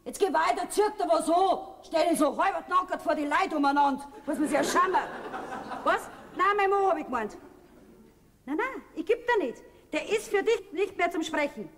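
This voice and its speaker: A fed-up Bavarian farm wife. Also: female voice, very high voice, animated, moderate pace, slight background noise. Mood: indignant. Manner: scolding, indignant, loud. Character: fed-up middle-aged farm wife and mother, scolding. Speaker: stage actor. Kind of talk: folk theater comedy acting. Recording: stage recording from far off, hall reverb.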